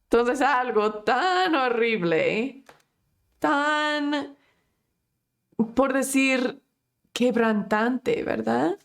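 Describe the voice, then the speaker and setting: A woman teaches a class on emotions. Her voice sits fairly high, and she is expressive, acting out examples and often restarting mid-sentence. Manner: expressive, acts out quotes, frequent self-corrections. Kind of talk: lesson.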